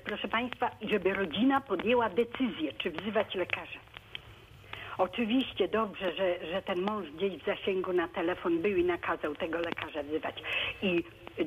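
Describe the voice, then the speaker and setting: Halting woman caller on a muffled phone line. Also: on the low side, background noise. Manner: halting, with many fillers and restarts. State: excited, by her own words. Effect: phone call into a radio show. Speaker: radio show caller.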